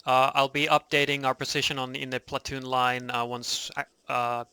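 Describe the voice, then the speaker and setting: A man leading a squad in a military game, giving procedural orders with hesitant pauses over a walkie talkie, with clicks. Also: medium pitch, level tone, bright, forceful tone, clean tone, dry recording. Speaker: commanding squad leader in a military simulation game. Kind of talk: military radio communication in game. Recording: slightly noisy game voice comms with clicks.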